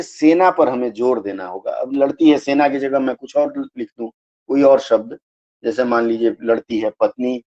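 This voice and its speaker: A man's voice: medium pitch, darkish tone, muffled recording. A man teaching a live online grammar class, explaining step by step and checking that students understand.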